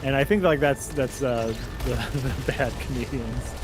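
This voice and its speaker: A man's voice: medium pitch, measured pace, over music. A man co-hosting a video game session in casual, playful banter, laughing often. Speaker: co-host playing a video game. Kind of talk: casual gaming chat. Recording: noisy background.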